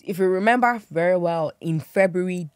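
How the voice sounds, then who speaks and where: A woman's voice: on the low side, moderate pace, no room sound. A young Nigerian woman presenting business news in a studio chat, talking through figures with fillers and easy laughs. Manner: chatty, laughs easily, many fillers. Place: TV studio with seated guests. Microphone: studio mic on boom arm.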